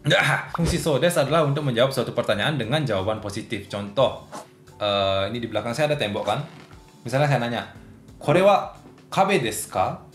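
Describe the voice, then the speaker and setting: A Japanese language teacher with a fast, fairly bright, mid-range voice gives a casual lesson from an indoor room at home. He explains plainly and acts out short example dialogues, and the roomy space carries faint music in the background.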